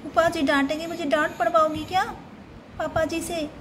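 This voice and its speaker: A woman's voice: very high-pitched, level tone, moderate pace, noisy background. Woman voicing a bossy big-sister doll. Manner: scolding, impatient. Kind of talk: doll play storytelling.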